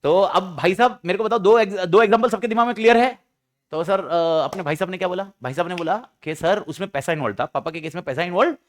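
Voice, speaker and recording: Lively high-voiced Indian male lecturer. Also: quick pace. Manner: lively, acts out students and parents in mock dialogue. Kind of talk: classroom lecture.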